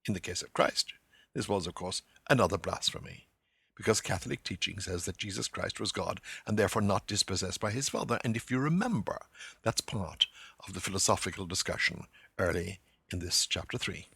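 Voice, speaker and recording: A man hosting a literary lecture podcast in an animated way, with bursts of loud acted quotation. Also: low voice, fairly quick, creaky, slightly rough, no room sound. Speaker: podcast host.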